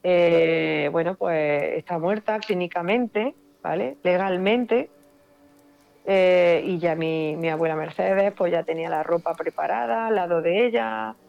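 Expressive Spanish woman telling a story. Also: lowish voice, a little slow, creaky, muffled recording. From Spain. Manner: expressive, repeats words for emphasis. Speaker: paranormal investigator guest. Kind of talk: emotional personal storytelling.

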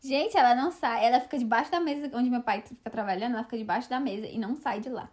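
A young woman co-hosting a casual podcast, telling lively stories and laughing often. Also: on the high side, very fast. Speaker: podcast co-host. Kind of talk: casual chat.

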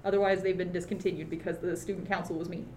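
A woman's voice: lowish voice, flat delivery, quick pace, a little mellow, slight background noise. A woman giving a casual sales segment on a podcast, upbeat with joking asides. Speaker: merchandiser on the podcast.

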